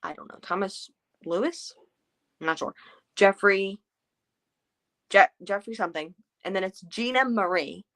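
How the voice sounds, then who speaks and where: A woman's voice: mid-range voice, unhurried, pauses often, fairly bright tone. A woman hosting a casual book club chat, talking in loose, rambling sentences full of fillers. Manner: chatty, trailing off with fillers.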